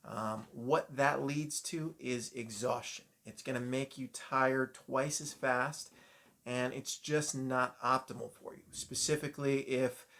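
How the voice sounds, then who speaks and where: Man, New York accent, martial arts instructor, casual coaching tips to camera, mid pitch. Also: pushed and bright. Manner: coaching, direct and encouraging, with frequent "um" fillers. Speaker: jiu-jitsu instructor.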